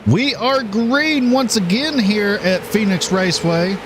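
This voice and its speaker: A man doing live play-by-play race commentary, his pitch sitting a little high and swinging widely as he calls the action. He talks over a faint hum of background noise. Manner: lively, animated calling with filler pauses.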